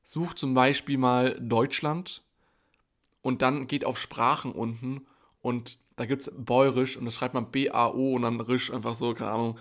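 Joking young man with a gravelly voice. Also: mid-range voice, fairly even intonation, a little slow, fairly bright tone. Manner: jokey, speaks to listeners directly. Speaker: podcast host. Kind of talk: casual chat.

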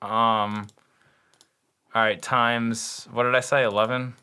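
Casual: young dude co-hosting a podcast, bright voice, keeps second-guessing himself. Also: male voice, medium pitch, flat delivery, takes it slowly, clear, resonant tone. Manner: rambling, self-correcting, playful. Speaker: podcast co-host. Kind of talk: casual chat.

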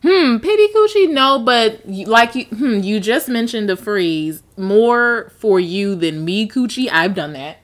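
A woman's voice: a little high, expressive, measured pace, few pauses. A woman co-hosting a podcast, talking casually and candidly with a playful, dramatic manner. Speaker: podcast co-host. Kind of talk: casual intimate chat.

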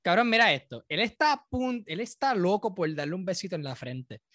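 A Puerto Rican man hosts a casual podcast, loose and profane, laughing often. His voice sits a bit high. The sound is dry and close, with no room around it. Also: animated, fairly quick, a bit bright, no echo. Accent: Puerto Rican Spanish. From Puerto Rico. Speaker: podcast host. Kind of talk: casual podcast chat reacting to a video.

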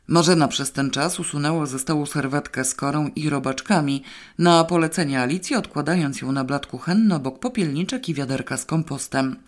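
A woman narrating a first-person audiobook in a wry, even storytelling manner. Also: low-pitched. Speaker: audiobook reader.

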